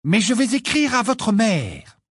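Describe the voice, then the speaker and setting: A man's voice: fairly high pitch, a little fast, no echo, studio quality, pitched above the performer's own voice, natural voice. A man voicing a bossy, determined teenage girl witch who speaks sharply. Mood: threatening.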